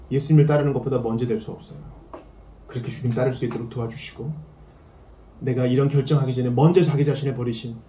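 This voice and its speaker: A man preaching a sermon as pastor, swinging between loud emphasis and hushed tones. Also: mid-range voice, roomy sound, a little hiss or hum.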